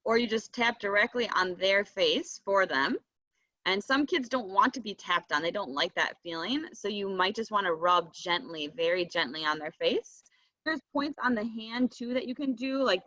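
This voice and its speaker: A woman leading a kids' tapping session over a video call, gentle and encouraging, often checking in with "right?" and "okay?". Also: mid-range voice, lively intonation, normal speed, no echo, muffled recording.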